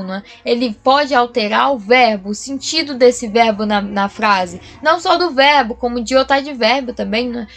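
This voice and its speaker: A woman with a high voice teaches a recorded grammar lesson. She explains patiently, one point at a time, and keeps checking in with her class. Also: a bit bright.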